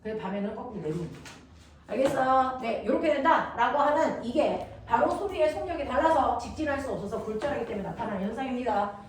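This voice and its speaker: In a classroom lecture, a woman teaches science in a slightly high, lively voice, speaking fast. She is blunt and teasing and keeps checking that the students are following, and the recording is noisy and echoey, with the mic placed far away.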